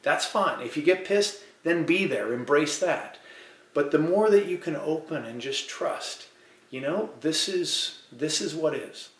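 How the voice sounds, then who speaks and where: A man giving a casual self-help talk and telling a story, halting, with many fillers and restarts. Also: a little high, lively intonation. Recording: echoey room, voice from a distance.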